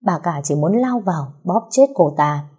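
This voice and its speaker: A woman tells a dramatic story in a vivid, expressive way. Her voice is low, mellow and husky. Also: moderate pace.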